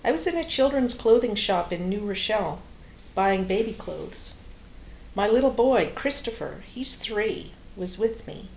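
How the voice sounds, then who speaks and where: A woman reading aloud as a composed but grieving woman who speaks quietly and carefully, holding back tears. The storybook voice is slow and measured. The recording is roomy and a little muffled, with faint noise behind it. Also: medium pitch, expressive. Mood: restrained, sorrowful. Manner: quiet, restrained, tearful at times. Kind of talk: audiobook-style read-aloud dialogue.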